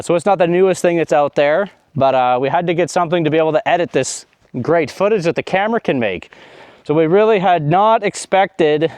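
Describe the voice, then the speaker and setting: A man's voice: fairly high pitch, clean tone, no room sound. A young man chatting to his action camera outdoors in a snowy yard, a little out of breath, rambling with fillers and trailing asides. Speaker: homestead vlogger. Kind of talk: casual vlog talk to camera.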